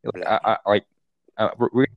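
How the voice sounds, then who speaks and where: A young man in casual chat, rambling and halting with many fillers. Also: fairly low pitch, dry recording, lo-fi sound.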